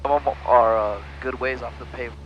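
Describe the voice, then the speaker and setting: A man's voice: medium pitch, steady tone, fairly quick. A man chatting casually as a passenger in a small plane, heard through a headset intercom. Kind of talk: casual chat. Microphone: aviation headset intercom. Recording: muffled intercom with faint engine noise.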